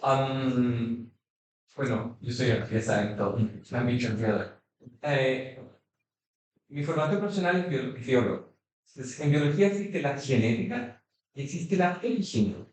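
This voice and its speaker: A man's voice: medium pitch, lively intonation, moderate pace, a little mellow. Hesitant man asking from the floor. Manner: hesitant, with many restarts. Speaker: audience member asking a question. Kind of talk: questions from the floor. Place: consulate event hall. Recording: echoey hall, distant mic.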